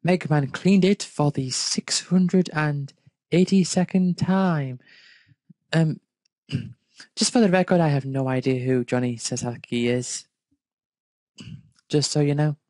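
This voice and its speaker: Medium in pitch and darkish in tone, this slow reader leaves long pauses, and there's no room sound. They're reading fan fiction and stopping now and then to question it and poke fun, adding spontaneous, amused commentary.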